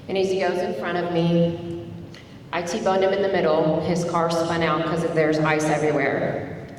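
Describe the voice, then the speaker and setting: Here a middle-aged woman from Tulsa, Oklahoma, with Turkish as her first language, speaks in a lowish voice. She's giving a personal storytelling speech at a community dialogue event, conversational but animated when describing past events. Sound comes from a distant mic in an echoey hall, with faint background noise.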